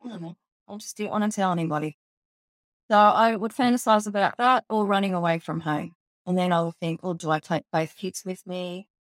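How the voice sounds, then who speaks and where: A woman's voice: lowish voice, brisk, no echo. An Australian woman telling a personal story in an interview, candid and emotional, swearing freely. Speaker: guest.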